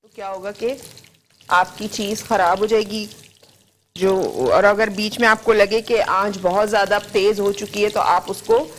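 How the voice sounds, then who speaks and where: A woman in her forties with a Pakistani Urdu accent hosts a live TV cooking demonstration from a studio kitchen, speaking into a lapel mic. Her delivery is flat and moderately paced in a mid-range voice, with a little hiss or hum audible. She patiently explains the recipe step by step and repeats each ingredient.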